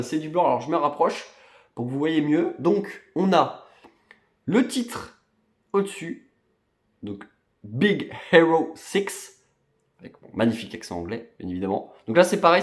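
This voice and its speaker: Man, casual collector chat, rambling with fillers, animated intonation, roomy echo. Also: a little high, normal speed. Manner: chatty, rambling, many fillers and restarts. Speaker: collector vlogger. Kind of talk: casual unboxing show-and-tell.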